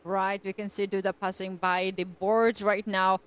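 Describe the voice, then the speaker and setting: A woman commentates on a live chess game in a medium-pitched voice. She reacts to the play and repeats key phrases to stress them. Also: level tone, moderate pace, clean tone.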